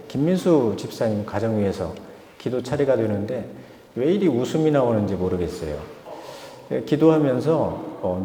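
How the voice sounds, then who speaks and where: A man's voice: mid-range voice, dark tone. A male pastor giving a sermon in a church, telling jokes and anecdotes. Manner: joking, anecdotal storytelling. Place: church sanctuary. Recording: echoey church hall with long reverb.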